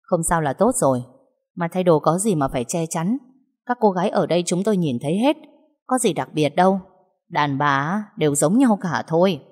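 A woman's voice: lowish voice, animated, moderate pace, a little mellow. A woman voicing a coarse, leering male guard who talks in a mocking, dismissive way. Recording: long hall reverb.

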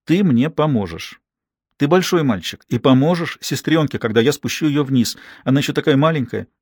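A man's voice: medium pitch, expressive, moderate pace, no room sound, natural voice. Male narrator voicing a panicked young mother, urgent pleading calls, dry close sound. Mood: forced calm. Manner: urgent shouted pleas. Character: frightened young mother in a fire.

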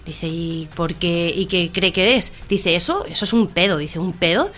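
A woman's voice: fairly low pitch, moderate pace, soft background music. Female radio comedy co-host, casual joke-telling, acts out each character's lines. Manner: animated storyteller, voices the characters in her jokes.

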